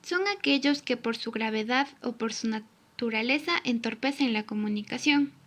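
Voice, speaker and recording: A young woman with a high voice narrates a recorded class tutorial. She reads from a prepared script at an even, careful pace, laying out definitions and examples one after another. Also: moderate pace. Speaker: student presenter. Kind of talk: read-aloud tutorial narration.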